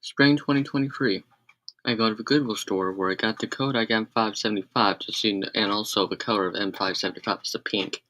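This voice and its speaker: A man's voice: fairly low pitch, fairly even intonation, brisk, sharp tone. A man rambling on a casual live stream, correcting himself and adding sarcastic asides.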